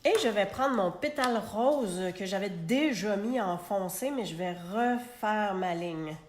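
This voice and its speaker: A woman's voice: mid-range voice, animated, unhurried, echoey room, a little hiss or hum. A woman with a Québécois French accent hosting a live card-making tutorial, chatting and talking to herself as she works, recorded on a phone held in a clamp. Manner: chatty, talks to herself while working.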